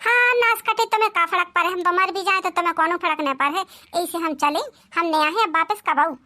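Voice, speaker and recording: A woman's voice: very high voice, a little fast, pushed and bright. A woman voicing a quarrelsome, plump old village mother-in-law in a cartoon comedy, scolding and sulky. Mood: sulking.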